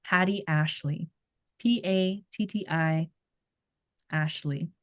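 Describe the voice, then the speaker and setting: A woman therapist with a Filipino accent, talking through ideas in a thoughtful, gentle way on a casual podcast and searching for her words. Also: fairly low pitch, steady tone, slow, no room sound, clean studio sound.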